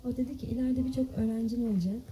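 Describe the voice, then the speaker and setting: A woman interpreting a sermon line by line, quickly, with hesitant fillers. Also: a little high, steady tone, mellow, slight background noise, poor audio.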